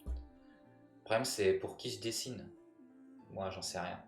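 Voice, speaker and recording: A man's voice: on the low side, slow pace, reverberant, recorded from a distance, faint music behind. A man with a French accent chatting casually with viewers while streaming his illustration work, joking and mocking himself. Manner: joking, self-mocking, sarcastic. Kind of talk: casual livestream chat with viewers.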